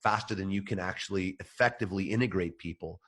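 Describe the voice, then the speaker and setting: A man hosting a podcast in casual chat, his voice nasal and stuffed up from a cold, relaxed and full of fillers. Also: deep voice, fast talker, husky. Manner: relaxed, filler-heavy, friendly. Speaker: podcast host.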